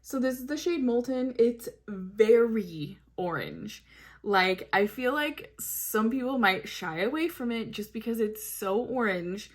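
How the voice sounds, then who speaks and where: Gushing over each item with plenty of filler words, a beauty vlogger reviews makeup in a relaxed, chatty way from her home in hot weather. She has a fairly high, expressive voice and speaks at a measured pace.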